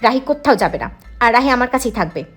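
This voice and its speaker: A woman's voice: on the high side, lively intonation, very fast, slightly rough, faint music behind. A woman voicing a stubborn, protective young husband who firmly stands up to his mother in a retold serial. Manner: firm, defiant, teasing at times.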